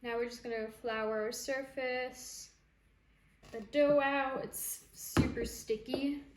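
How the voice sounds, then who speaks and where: A woman's voice: high voice, slow, roomy sound, very noisy. A young woman chatting casually as she walks through a home baking recipe step by step. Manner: chatty, relaxed, explaining as she goes. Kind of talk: casual step-by-step cooking chat. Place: home kitchen.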